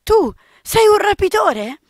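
A woman voicing an innocent but suspicious little girl in a dating game, reading her lines in a high, childish, indignant way. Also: sing-song, takes it slowly, dry recording, full character voice. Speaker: game player reading a character.

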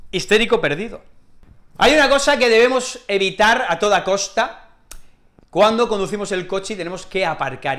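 Animated Spanish teacher from Spain, high voice. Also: male voice. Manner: animated, acts out little scenes, many fillers. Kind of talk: casual lesson to camera.

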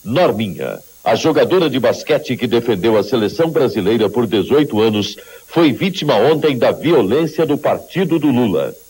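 A man's voice: medium pitch, very animated, normal speed, hardly any pauses, a little mellow, rough recording. Urgent dramatic male announcer. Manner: grave, urgent, warning tone. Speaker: campaign ad announcer. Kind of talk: dramatic voice-over narration.

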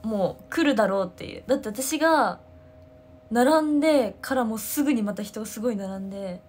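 A woman, chatting casually on a livestream, telling stories excitedly with sound words. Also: fairly high pitch, a little fast, slight background noise. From Ehime, Japan. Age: 20s. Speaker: idol livestreamer. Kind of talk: casual livestream chat answering comments.

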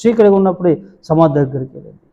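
A man's voice: on the high side, lively intonation, rapid-fire, long reverb tail, muffled recording. A male pastor giving a daily devotional sermon, fervently retelling scripture with rising emotional emphasis.

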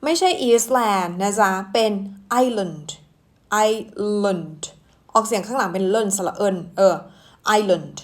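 A young woman teaching English pronunciation in a casual, playful lesson, drawing out her explanations. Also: medium pitch. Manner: slow, playful, drawn-out explanations with fillers.

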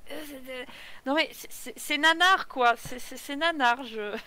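A woman with a fairly high voice recaps plots briskly on a live stream. Her tone is sarcastic and dismissive, and she mixes a read summary with quick asides. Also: fairly bright tone, no room sound. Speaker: streamer co-host reviewing manga. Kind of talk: casual chat with scripted summary.

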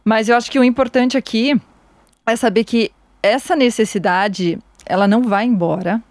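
A woman's voice: fairly high pitch, normal speed, a little mellow, no room sound. A woman hosting a podcast, explaining ideas in a reflective, casual way. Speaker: podcast host.

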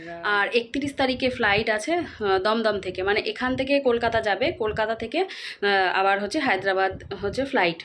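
A woman, chatting quickly and casually to her viewers while vlogging at home. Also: medium pitch, slight background noise. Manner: rapid chatty talk with fillers. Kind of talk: casual vlog chat to viewers.

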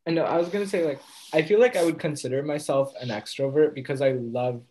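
A teenage boy co-hosting a podcast in casual chat, talkative and often trailing off quietly at the ends of his thoughts. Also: fairly high pitch, quick pace, poor audio. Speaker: podcast co-host.

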